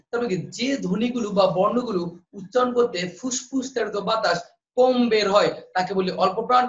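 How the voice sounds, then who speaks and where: A man's voice: sits high, a bit bright, reverberant, muffled recording. A man teaching an online admission-prep class, quizzing students and repeating the answers.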